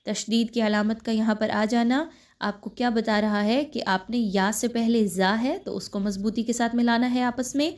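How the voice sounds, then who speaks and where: A woman's voice: a little high, a little mellow. A woman teaching tajweed, explaining pronunciation patiently and step by step. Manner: patient, explains pronunciation step by step, then recites slowly and drawn out. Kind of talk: tajweed lesson with slow recitation examples.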